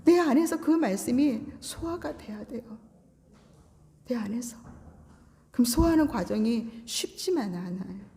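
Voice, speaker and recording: Woman pastor, sermon, mellow higher voice, long hall reverb, conversational, rhetorical questions. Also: animated, measured pace, long pauses. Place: church sanctuary.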